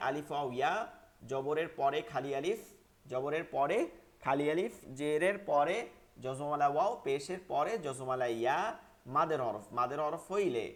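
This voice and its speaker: Teacher, male, higher-pitched, patient, chants letter drills steadily. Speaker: Quran reading teacher. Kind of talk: online class lesson, rhythmic drilling.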